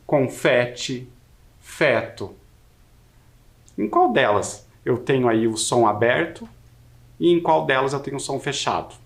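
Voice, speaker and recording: Slow, lively-voiced Brazilian teacher man. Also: medium pitch. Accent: Brazilian Portuguese. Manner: slow, deliberate, repeats words to model pronunciation. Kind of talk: recorded video lesson.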